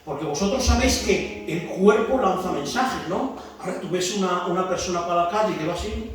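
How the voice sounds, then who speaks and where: A Spanish pastor with a high male voice preaches fairly quickly to a discipleship class, posing rhetorical questions and building up to shouts. The sermon is captured from a distance in an echoey church hall, with music in the background.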